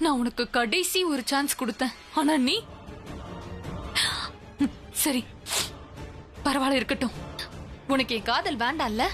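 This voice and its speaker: A woman's voice: high voice, unhurried, pauses often, fairly bright tone. A woman voicing a spurned woman who bitterly threatens the man who rejected her, in a dubbed TV serial. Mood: vengeful. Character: spurned woman vowing revenge on the man she loves. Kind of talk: Tamil-dubbed TV serial acting. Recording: TV drama dub with faint music behind.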